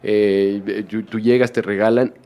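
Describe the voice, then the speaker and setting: A man with a fairly low voice talks as an interview guest about his documentary. He speaks in a reflective way, restarting phrases and filling pauses with "eh". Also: level tone, highs cut off. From Mexico. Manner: reflective, many restarts and fillers. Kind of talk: casual interview conversation.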